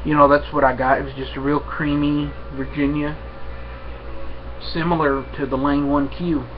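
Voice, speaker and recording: A young man chatting casually to camera at home in an unhurried, halting, rambling way. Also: a little high, little pitch movement. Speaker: vlogger, pipe smoker. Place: small room at home, indoors. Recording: dull webcam audio with faint noise.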